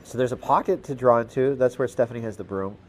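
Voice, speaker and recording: A man calling a curling game as commentator, relaxed and halting, with lots of fillers and restarts and the odd dry aside. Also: medium pitch, slight background noise. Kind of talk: play-by-play commentary.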